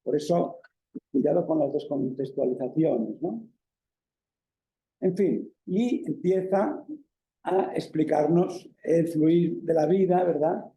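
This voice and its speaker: Taking it slowly, a university professor from Spain with a Peninsular Spanish accent delivers an academic lecture in a fairly high, dark-toned voice. The lecture hall echoes as he explains step by step, sprinkling in fillers and tag questions.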